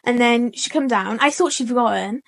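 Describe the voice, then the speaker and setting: An eighteen-year-old woman, telling a story on a podcast in an animated way, laughing often and acting out what people said. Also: on the high side, normal speed, creaky. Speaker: podcast co-host. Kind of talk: casual storytelling chat.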